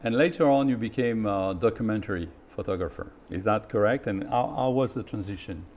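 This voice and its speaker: A man hosting a formal interview, speaking politely and carefully, with frequent pauses. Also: on the low side, a little mellow. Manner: measured and polite, with frequent hesitations.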